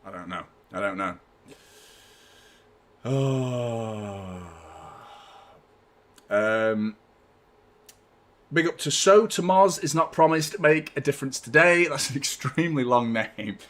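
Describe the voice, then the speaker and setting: A young man hosting a fan watchalong stream, rambling chattily and giving shout-outs to viewers. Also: mid-range voice, expressive, slow pace, long pauses. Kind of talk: live stream chat with viewers.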